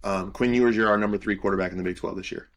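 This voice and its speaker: A man's voice: on the low side, steady tone, very fast. A young man co-hosting a sports podcast, breaking down players in loose, confident casual chat full of "um" fillers. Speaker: podcast co-host and college football analyst.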